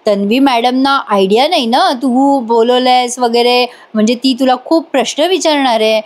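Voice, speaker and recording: A woman's voice: a little high, moderate pace, close to an everyday voice. Woman reading as a chatty, teasing young woman. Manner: chatty, familiar.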